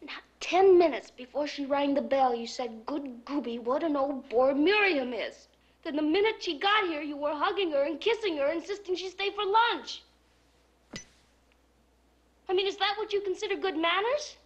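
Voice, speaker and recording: A woman acts out a teenage daughter in a screen drama. Her voice is very high, with a blunt, argumentative delivery that sounds defiant and hurt. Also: normal speed, lo-fi sound, natural voice. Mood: indignant.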